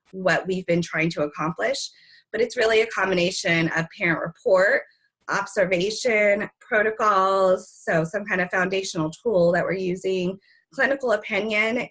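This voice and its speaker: In a low-quality recording, a young woman with a lowish, slightly bright voice presents a webinar at an online conference. Her voice sounds worn from recent illness, and she uses many ums along with friendly asides.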